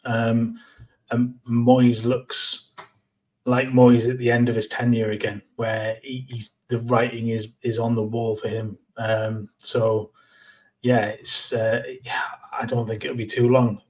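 A man's voice: medium pitch, level tone, takes it slowly, a little mellow. A man gives blunt, plain-spoken takes on a football podcast. He sits a little away from the mic, so his voice comes across slightly distant. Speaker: podcast co-host. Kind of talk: casual football chat.

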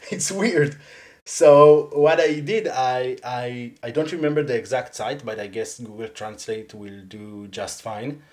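In a casual interview, a guest speaks English as a second language after Hebrew, with an Israeli accent. Her voice sits at medium pitch, and she's animated and quick to laugh, often saying "like" and restarting sentences.

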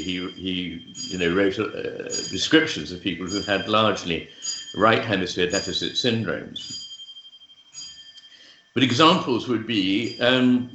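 A man speaking as a guest author, explaining ideas in measured talk with frequent pauses, fillers and restarts. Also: lowish voice, sharp tone, a little hiss or hum. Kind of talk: thoughtful explanatory interview talk. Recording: roomy, dull lo-fi sound.

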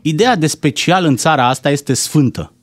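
A man's voice: a little high, animated, no room sound, clean studio sound. A man giving heated, indignant political commentary on a talk show, firing off rhetorical questions.

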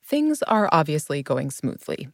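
A woman's voice: sits low, big pitch swings, unhurried, creaky, noisy background. A woman narrating a scripted documentary in an informal, explanatory way with emphatic phrasing. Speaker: narrator and host. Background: background music.

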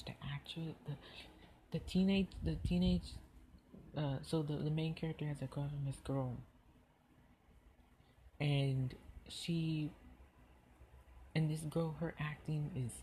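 Rambling, hesitant podcast host, mellow voice. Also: mid-range voice, slight background noise. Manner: rambling, hesitant, full of restarts and fillers. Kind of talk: casual solo podcast review.

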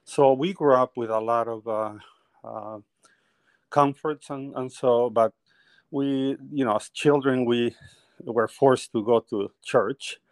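A middle-aged Peruvian painter, speaking slowly in a steady, medium-pitched voice with no echo, tells his life story as a guest in a conversational interview. He laughs often as he talks.

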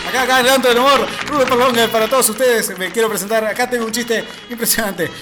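A man playing a hapless stand-up comic, who talks fast and begs the audience not to throw things. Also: extremely high pitch, steady tone. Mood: eager. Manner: rapid, pleading, laughing at own jokes. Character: hapless adult male stand-up comic begging the crowd. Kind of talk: comedy sketch. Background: music.

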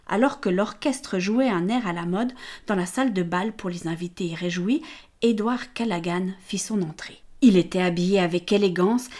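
A woman reading a period novel aloud as an audiobook narrator, with an even, measured delivery. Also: mid-range voice. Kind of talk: scripted narration.

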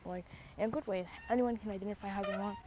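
Talking fast in a medium-pitched voice with fairly even intonation, this young woman rambles on her stream, full of fillers and slang such as "bro" and "dude." The lo-fi microphone sounds dull, and background noise comes through clearly.

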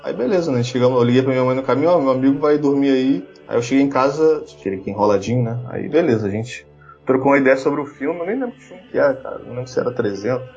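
A man's voice: mid-range voice, lively intonation, racing, darkish tone, lo-fi sound, soft background music. A man with a Brazilian Portuguese accent telling a story in casual chat, full of fillers and restarts. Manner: chatty, lots of fillers and restarts.

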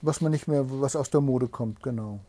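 A man reading a fairy tale aloud to a child, pausing to explain the story gently. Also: medium pitch, slight background noise.

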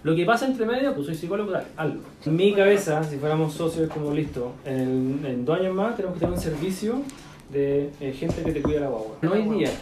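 A man's voice: a little high, animated, fairly quick, a crowd in the background. A man with a Chilean accent, mentoring entrepreneurs in a casual chat full of slang, fillers and coaching asides. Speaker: business mentor. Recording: echoey room.

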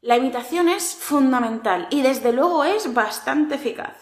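Woman, Spain Spanish accent, language teacher, slightly high voice, echoey room. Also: animated. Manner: clear, deliberate, coaching tone. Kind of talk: language lesson to camera.

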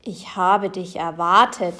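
A woman voicing a wise old octopus in a deep, solemn voice. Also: slow, sharp tone.

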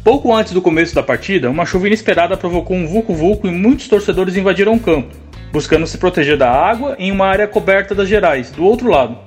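A Brazilian man delivers scripted history narration for a podcast segment. His voice is high and he talks quickly over faint music. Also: expressive, breathy edge.

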